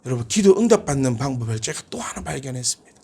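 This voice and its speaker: A male pastor preaching a sermon, animated and asking his congregation questions. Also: mid-range voice, very fast, gravelly, husky.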